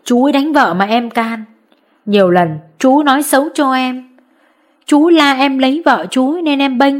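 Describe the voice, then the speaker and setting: A woman's voice: high voice, moderate pace, pitched above the performer's own voice, close to an everyday voice. A woman voicing a blunt, scolding village wife in an audiobook story. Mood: chiding.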